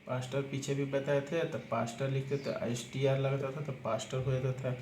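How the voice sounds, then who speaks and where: Here a man with a mid-range, slightly mellow voice teaches shorthand at a normal pace with little variation in pitch. He explains each step, repeats himself a lot, spells words letter by letter, and keeps using "aapka" as he walks through examples. The room echoes and background noise is clearly audible.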